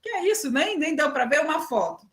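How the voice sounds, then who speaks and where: A Brazilian woman gives an academic talk with a high, bright-toned voice. She moves between careful lecturing and lively storytelling. She keeps checking in with her listeners through a constant "né". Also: a little fast. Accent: Brazilian Portuguese. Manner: frequent "né" tags, lively storytelling. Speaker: university lecturer. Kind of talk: academic talk with personal anecdotes.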